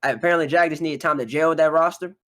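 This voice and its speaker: A confident, boastful man talking rapidly as a guest on a casual esports podcast. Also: fairly high pitch, a bit bright. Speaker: guest analyst.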